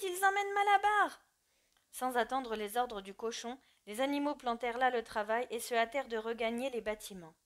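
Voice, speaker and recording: A woman narrating an audiobook with an expressive and measured reading. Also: on the high side.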